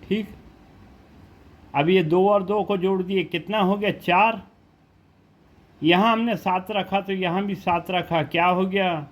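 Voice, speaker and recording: Male math teacher, high voice, slow steady explaining, rhetorical questions, from India. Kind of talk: classroom math lesson.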